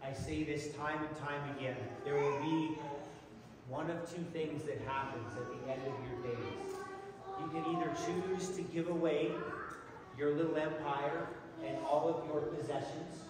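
A man's voice: on the high side, fairly even intonation, unhurried, a crowd in the background. A middle-aged man giving a folksy, self-deprecating sermon, repeating words as he goes, from a church hall. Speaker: lay preacher. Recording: echoey hall, voice from far off, noisy.

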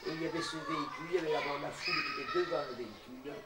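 A woman's voice: low voice, rapid-fire. A middle-aged woman giving informal, conversational testimony, caught on a hidden mic. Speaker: witness giving an account. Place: small office meeting room, indoors. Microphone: hidden camera microphone, far from speakers. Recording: hidden mic, distant, echoey, very noisy.

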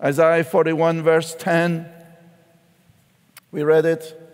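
High-voiced man preaching in a church. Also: monotone, slow, clean tone. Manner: impassioned, repeats key phrases. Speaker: pastor. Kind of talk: sermon. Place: large church sanctuary. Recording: long church reverb.

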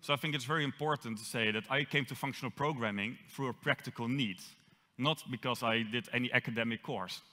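A young Dutch man with a mid-range, bright and forward voice speaks briskly at a conference, standing on an auditorium stage. He slips in dry, self-mocking jokes, and a long hall reverb trails his words.

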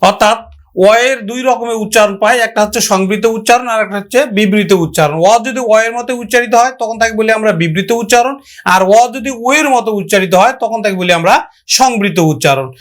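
A male teacher with a high-sitting, somewhat bright voice speaks quickly during a grammar lesson. He asks his students questions and sounds out example words one syllable at a time.

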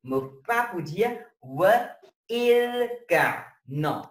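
A high-pitched Mauritian Arabic teacher draws out his words, his pitch swinging widely as he teaches an online class step by step. He pauses frequently to confirm students are following, and the audio sounds roomy and distant with faint noise.

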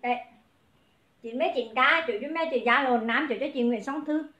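A woman selling clothes on a livestream, briskly calling out prices and greeting viewers by name. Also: sits high, sharp tone, roomy sound. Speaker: online clothing seller. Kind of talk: livestream sales pitch.

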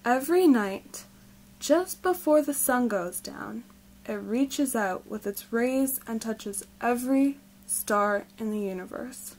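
A woman reading aloud, voicing a gentle, loving mother raccoon who speaks in a warm, soothing, motherly way. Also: on the high side, takes it slowly.

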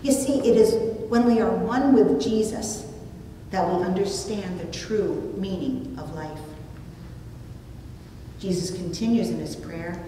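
The speaker is a middle-aged woman preaching a storytelling sermon from notes, careful and expressive in her delivery. She stands at a pulpit in a small indoor church, heard through a far-off mic amid strong echo and low rumble.

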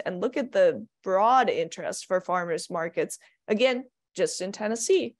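Woman lecturing over slides. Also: medium pitch. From Minnesota. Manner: practical, plainspoken, light asides. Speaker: extension economist lecturer. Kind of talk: recorded slide presentation.

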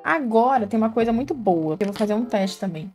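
A woman's voice: a little high, lively intonation, fairly quick, darkish tone, soft background music. A young woman, chatting to viewers while doing cosplay makeup and telling childhood stories in a slangy, self-mocking way. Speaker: cosplay vlogger.

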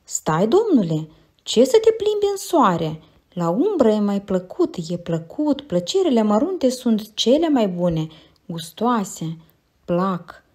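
A woman's voice: mid-range voice, very animated, a little mellow, breathy edge. A woman reading an audiobook, voicing a retired older man who rambles in a wheedling, self-satisfied way and chuckles to himself. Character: retired older man, fussy, giggling, sly. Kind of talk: audiobook character voice.

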